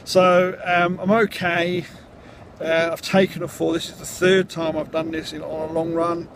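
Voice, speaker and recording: A man talking casually in a vlog, recounting things in a halting, rambling, matter-of-fact way. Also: fairly high pitch, little pitch movement. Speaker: vlogger, amateur runner. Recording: outdoor noise, traffic.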